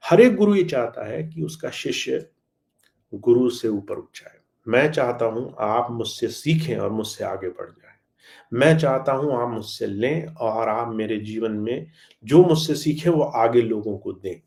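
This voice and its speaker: Guru guy talking to his followers, gravelly voice, earnest and warm to the listeners. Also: mid-range voice, animated, measured pace. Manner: earnest, addresses listeners as friends, mixes English lines. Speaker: spiritual teacher. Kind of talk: live satsang talk answering questions.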